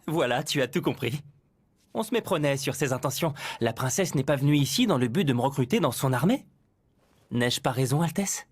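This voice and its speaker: A calm, shrewd hero. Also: male voice, medium pitch, a little fast, husky. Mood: sly. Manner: calm, sly, reasoning. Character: shrewd, peace-loving husband who is a hero. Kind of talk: anime dub.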